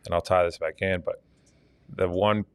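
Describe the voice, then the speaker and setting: A man's voice: deep voice, steady tone, moderate pace, smooth, dry recording. A man from Argentina, a fitness coach, talking earnestly as a podcast guest with many fillers. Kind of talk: casual interview talk.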